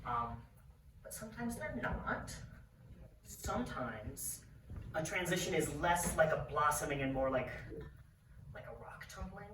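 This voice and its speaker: A man's voice: a little high, big pitch swings, measured pace, long pauses. A man performing a stand-up comedy set, telling stories conversationally with fillers at a live venue. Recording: distant roomy stage recording with noise.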